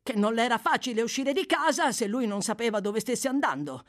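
Brief: woman voicing a drowsy dim young lad, plodding answers, lively pitch, storybook reading. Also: brisk, lightly acted. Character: sleepy young male informer, slow-witted.

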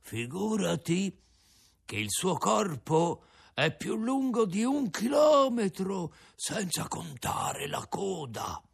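A creaky high-voiced philosopher tuna. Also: male voice, sing-song, heavily acted. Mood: resigned. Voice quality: cracked, creaky voice like an out-of-tune guitar. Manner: slow, resigned, drawn-out delivery. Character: philosophical resigned male tuna, croaky. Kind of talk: audiobook character voice.

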